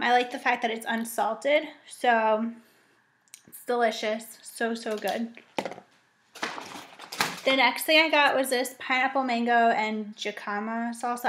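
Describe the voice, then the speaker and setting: A woman's voice: on the high side, a bit bright. Chatty young woman vlogging a haul. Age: young adult. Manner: chatty, upbeat, frequent ums and likes. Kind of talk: casual grocery haul vlog. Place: home dining room indoors.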